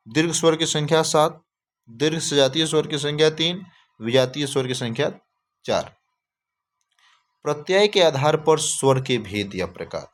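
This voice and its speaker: A man teaching a grammar lesson, reading out lists slowly and quizzing with repeated questions. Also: medium pitch. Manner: slow, repeats key terms as questions.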